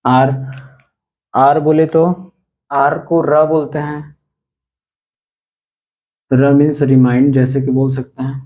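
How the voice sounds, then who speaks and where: A man teaching an English pronunciation lesson, explaining slowly, repeating words for emphasis and often clearing his throat. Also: medium pitch, little pitch movement, dull audio. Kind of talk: spoken language lesson.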